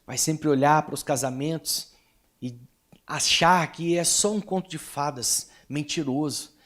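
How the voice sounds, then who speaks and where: Male Brazilian preacher, fairly high voice, emphatic delivery, vivid storytelling. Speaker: pastor. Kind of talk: sermon.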